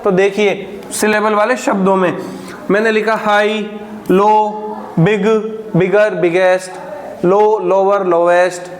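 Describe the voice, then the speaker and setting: Male tutor, fairly high voice, spells out examples slowly and quizzes the class himself. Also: level tone, slight background noise. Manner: slow, drawn-out dictation of examples, asking and answering his own questions. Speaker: teacher. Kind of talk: grammar lesson.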